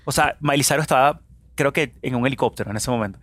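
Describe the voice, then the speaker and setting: A young man from Venezuela, a guest musician in a casual interview, telling animated stories full of fillers. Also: mid-range voice, fast talker, no room sound. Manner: animated storyteller, many fillers.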